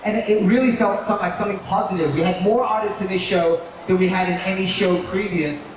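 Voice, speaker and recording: A man with a high voice talks fairly quickly in a casual live presentation as a toy company co-founder at a big indoor mall expo. His talk is easygoing and rambling, with fillers and restarted sentences. The mic sits far off in the reverberant hall, and the crowd can be heard.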